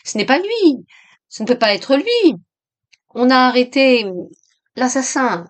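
A woman reading aloud voices an anxious young society woman who pleads in a high, urgent voice. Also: big pitch swings, a little slow, exaggerated voice. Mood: frantic. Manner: high-pitched, pleading, rising to near-shouts.

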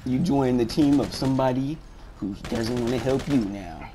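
A man's voice: medium pitch, normal speed. A man teasing and taunting repetitively in casual banter while gaming. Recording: very noisy game voice chat.

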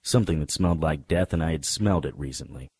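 In a noir radio drama, an actor narrates and plays the lead, a wry, deadpan, hardboiled supernatural private investigator. His male voice is husky and bass, and he moves at a quick pace. The mood is grim and wry.

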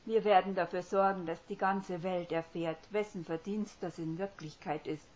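A woman's voice: fairly low pitch, fairly even intonation, moderate pace, natural voice. A woman doing an earnest, tearful young witch. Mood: firm, fervent. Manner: earnest, by turns hushed and fervent. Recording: dull lo-fi recording.

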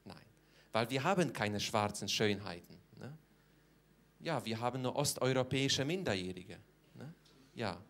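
A man's voice: medium pitch, lively intonation, normal speed, pauses often, a bit bright. A man doing stand-up as a cheeky, boastful Polish man with a Polish accent, speaking broken German and tagging almost every line with a question. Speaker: comedian in character. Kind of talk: stand-up comedy.

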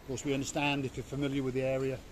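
At a seaside harbour, a vlogger in his fifties walks and talks to a phone held at arm's length, enthusiastic and chatty as he presents his travel vlog outdoors. His voice is medium-pitched, monotone and rapid-fire, with a little hiss or hum.

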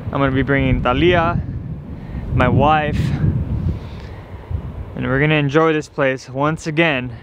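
A man's voice: mid-range voice, steady tone, unhurried, pauses often. Chatty travel-vlog man, teasing, recorded outdoors with wind noise on the camera mic. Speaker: vlogger. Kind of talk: casual travel vlog chat. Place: outdoors on a windy beach.

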